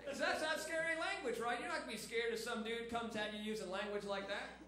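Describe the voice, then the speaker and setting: A man's voice: very high voice, a little fast. A man in his thirties doing a conversational, punchy stand-up set and talking right to the crowd. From half Irish, half Filipino background. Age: 30s. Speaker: stand-up comedian. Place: comedy club stage. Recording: echoey noisy comedy club.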